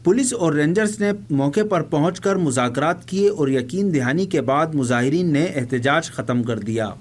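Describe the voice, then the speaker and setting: A man reporting in a formal, measured news voice-over. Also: a little high, expressive, slight background noise. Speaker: field reporter.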